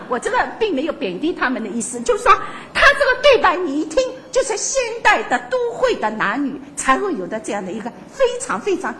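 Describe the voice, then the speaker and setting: An older woman giving a lively talk to an audience, laughing often and stumbling through fillers and restarts. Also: extremely high pitch.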